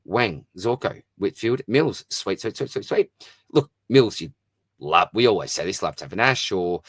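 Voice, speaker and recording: A man with a fairly low voice hosts a casual mailbag show on his own. His delivery is informal and matey, full of blokey slang as he reads questions and gives his take. The sound is dry, with very little room in it. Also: fairly bright tone, no echo. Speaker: host of a fantasy sport Q&A show. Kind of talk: casual solo mailbag commentary, reading out questions and answering.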